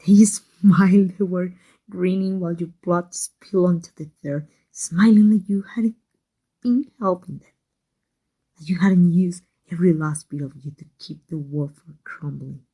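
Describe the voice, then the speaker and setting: Bitter anger fills this woman's intense ASMR roleplay as an embittered villain who secretly loves her rival. Husky and breathy, she often drops to a whisper, her lowish, dark voice unhurried. The recording is rough.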